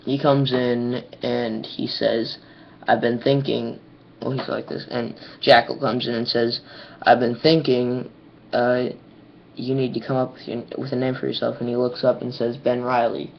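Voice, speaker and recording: A man's voice: mid-range voice, level tone, moderate pace, creaky. A teenage boy casually retelling a comic story over a webcam, rambling with lots of ums and likes. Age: teens. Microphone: webcam mic. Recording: dull lo-fi webcam audio with faint hiss.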